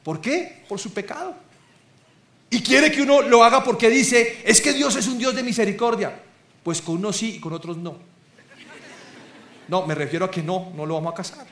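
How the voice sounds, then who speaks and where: A man preaching a sermon, humorous and animated, often asking the congregation questions. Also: high voice, normal speed, pauses often, roomy sound. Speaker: pastor.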